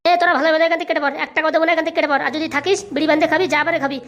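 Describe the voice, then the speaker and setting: A woman voicing a stingy, gruff bald husband in a cartoon, giving blunt dismissive orders. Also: high voice, steady tone, racing, a bit bright, muffled recording.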